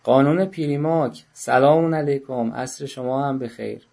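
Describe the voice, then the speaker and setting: A man leads an online parenting class in a mellow, darker-toned voice. He coaxes participants to speak, calls on them by name and teases them lightly. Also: mid-range voice, creaky. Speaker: parenting workshop instructor.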